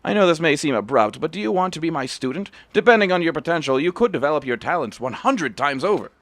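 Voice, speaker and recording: A man's voice: a little high, lively intonation, quick pace, fairly bright tone, dry recording, voice pushed up. A man reading as a lofty old kung fu master. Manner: formal, lofty and declaiming. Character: stern old male martial arts master. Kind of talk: reading game dialogue aloud.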